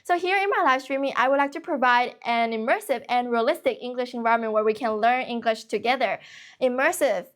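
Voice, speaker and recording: Young woman, from China, first language Chinese, fairly high voice, brisk chatty livestream tutor. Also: fairly bright tone. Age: young adult. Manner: brisk, chatty, refuses to slow down. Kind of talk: casual livestream chat answering viewers. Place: office.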